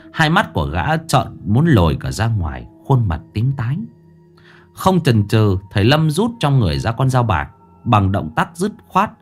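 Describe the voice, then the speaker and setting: A male storyteller with a lowish voice reads a horror tale dramatically, his pitch rising and falling a lot. Soft music plays underneath.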